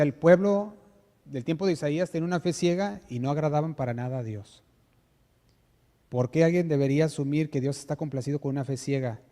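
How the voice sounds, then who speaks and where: A male pastor with a Mexican Spanish accent delivers an emphatic sermon. His voice is slightly higher than most men's but dark and mellow. It carries a long church-hall reverb, and he slows down to stress the scripture he reads. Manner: earnest, emphatic preaching with rhetorical questions; reads scripture aloud, slowing on key words. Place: church sanctuary.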